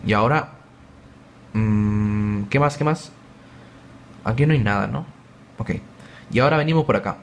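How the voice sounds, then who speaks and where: Excitable young man playing a game. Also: on the low side, a little slow, long pauses, a little hiss or hum. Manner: chatty, excitable, joking. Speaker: gaming YouTuber. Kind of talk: let's play commentary.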